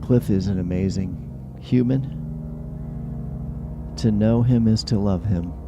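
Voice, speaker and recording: Male late-night stream host, gravelly, loose and conversational, whistling s, music underneath. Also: fairly low pitch, takes it slowly, dull audio. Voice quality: whistling s sounds. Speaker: host of a live-streamed call-in show. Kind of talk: casual late-night monologue. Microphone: close handheld or stand microphone. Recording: music behind the voice. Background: background music.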